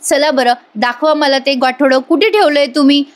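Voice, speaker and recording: A worried young wife, suspicious and pressing for answers, read by a woman narrator. Her voice lifts high above the telling voice. It sounds like a recap read aloud. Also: normal speed, natural voice. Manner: anxious, insistent questions.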